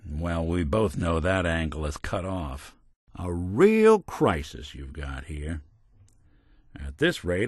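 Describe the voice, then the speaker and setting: In a video game, an actor plays a world-weary android detective, wry yet kindhearted, using hardboiled, old-fashioned slang. The male voice is low-pitched, recorded clean in a studio with no echo.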